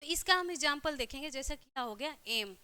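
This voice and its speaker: A woman lectures a class in a high, expressive voice that's pushed and bright, speaking briskly with a Hindi accent. She repeats herself, checking in with "theek hai" ("ठीक है") after nearly every phrase, and the recording has no echo.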